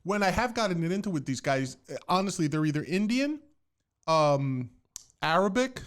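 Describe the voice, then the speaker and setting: A man co-hosting a casual comedy chat, giving mock-serious advice in an animated way. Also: sits high, moderate pace. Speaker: podcast co-host.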